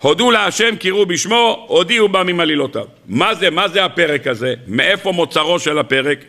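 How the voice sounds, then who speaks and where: High, bright-voiced rabbi telling parables. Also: male voice, creaky. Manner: lively storytelling with parables; asks the listeners rhetorical questions. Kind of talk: weekly Torah sermon.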